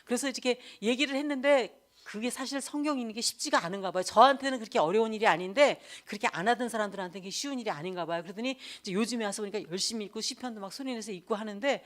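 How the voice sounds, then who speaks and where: A woman's voice: on the high side, racing, few pauses. Woman evangelist giving a candid sermon. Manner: candid testimony, animated storytelling. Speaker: evangelist preacher.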